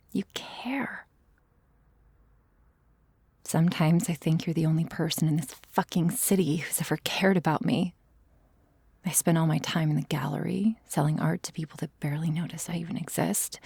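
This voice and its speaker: A woman playing an obsessive, possessive young woman who holds a man captive, talking in a soft, menacing, profane whisper for an audio roleplay. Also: lowish voice, creaky, breathy edge, no room sound, exaggerated voice. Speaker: voice actor.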